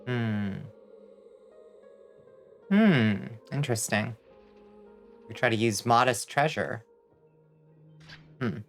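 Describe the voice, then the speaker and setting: A man's voice: mid-range voice, drawn-out words, pauses often. A male game streamer gives casual live commentary, musing aloud as he plays. Faint music plays in the background. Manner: musing aloud to himself and viewers.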